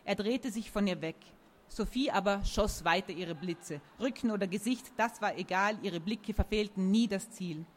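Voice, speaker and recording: A woman reading a children's story aloud in a lively, expressive way. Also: medium pitch, normal speed.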